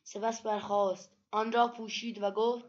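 A woman narrating religious stories from a book in a measured, steady storytelling manner. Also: medium pitch. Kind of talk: read-aloud book narration. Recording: dull lo-fi recording.

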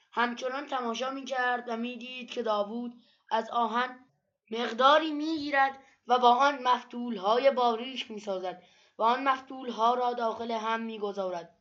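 A woman narrating religious stories from a book in a measured, steady storytelling manner. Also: on the high side. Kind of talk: read-aloud book narration. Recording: dull lo-fi recording.

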